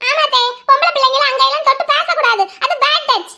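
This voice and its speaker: A woman voicing a naive young girl bride in a cartoon, chattering in a shrill, breathless way. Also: quick pace, vocal fry, bright, forceful tone, heavily acted. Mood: tattling. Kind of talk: cartoon voice acting.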